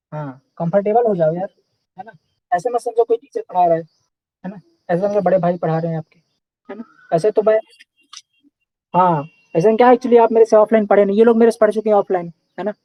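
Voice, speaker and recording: A man's voice: high-pitched, no echo, muffled recording. A young man teaching a live online class in a casual, chatty way, often checking in with his students.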